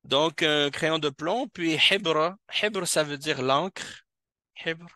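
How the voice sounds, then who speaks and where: A man's voice: on the high side, slow, sharp tone, dry recording. A man teaching a classroom language lesson as an Arabic teacher, patiently repeating each word several times, recorded in a mosque classroom.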